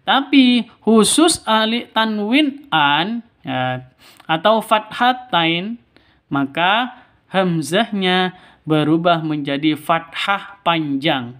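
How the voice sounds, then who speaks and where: Slow, smooth-voiced male Quran teacher. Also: sits high, animated, a bit bright. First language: Indonesian. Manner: slow and patient, repeats each rule twice. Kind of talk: step-by-step recitation lesson.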